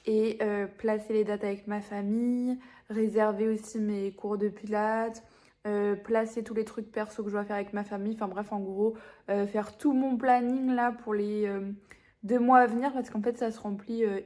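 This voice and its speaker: A woman's voice: medium pitch, steady tone, normal speed, mellow. A young adult woman chatting casually to a vlog audience in an informal, slangy way. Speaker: vlogger and business coach.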